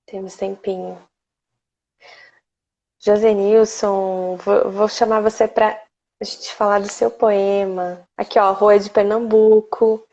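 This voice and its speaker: A woman's voice: medium pitch, little pitch movement, takes it slowly, dark tone. A woman from Brazil hosting a casual live poetry stream, chatty and greeting viewers by name. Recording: slightly dull lo-fi stream audio.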